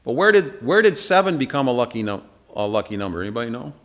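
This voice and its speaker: A preacher teaches an informal Bible class at church, talking conversationally and asking the room questions. His medium-pitched voice is very animated, he talks fast, and he uses a lot of fillers.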